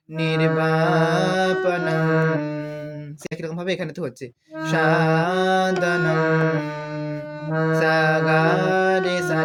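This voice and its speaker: A man with a Bengali accent teaching a devotional song on harmonium, naming the sargam notes and singing each phrase slowly to show it. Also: fairly high pitch. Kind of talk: music lesson, speaking and singing along. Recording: harmonium playing loudly behind the voice.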